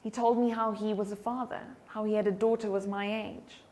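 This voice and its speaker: A woman giving a motivational talk on voice and confidence. Her voice is expressive, moving in pitch and loudness for emphasis, and she drops to a soft whisper to demonstrate breathing. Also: fairly quick, slight background noise. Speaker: keynote speaker and voice coach.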